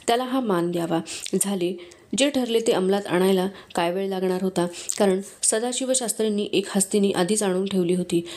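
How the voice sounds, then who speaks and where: A woman reads a devotional story aloud in a measured, steady storytelling voice. Her pitch sits in an ordinary middle range. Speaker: book reader. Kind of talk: reading a devotional book aloud.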